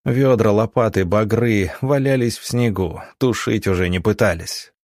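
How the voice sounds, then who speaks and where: A male audiobook narrator with a low voice reads in a measured, dramatic way. The sound is dry and close, with no room echo. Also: a little mellow.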